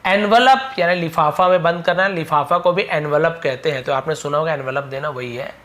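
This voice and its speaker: A man's voice: fairly high pitch, normal speed, fairly bright tone. A man teaching English vocabulary, explaining each word plainly and repeating its meaning. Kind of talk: vocabulary lesson.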